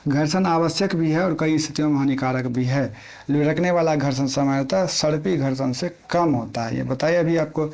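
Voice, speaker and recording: A man's voice: fairly high pitch, a little mellow. A man teaching an exam-prep physics lesson in plain everyday Hindi, repeating key points and asking questions he answers himself.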